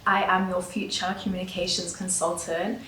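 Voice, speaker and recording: A woman in her early twenties, a student, answering documentary interview questions in a measured, composed way. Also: lowish voice, little pitch movement, bright, forceful tone. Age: early 20s. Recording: echoey room with faint noise.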